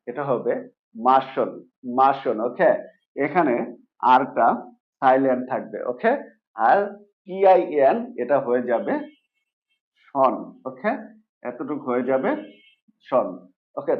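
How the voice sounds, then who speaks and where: A man with a Bangladeshi Bengali accent teaching English pronunciation in a video lesson, repeating each word slowly and asking his own questions, then answering them. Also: fairly high pitch. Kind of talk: video lesson explaining rules. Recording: tinny phone-like recording.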